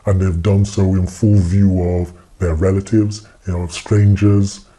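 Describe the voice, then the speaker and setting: A man speaking with his voice disguised to sound deep, a hospital consultant giving a frank news interview. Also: little pitch movement, a little slow, warm tone.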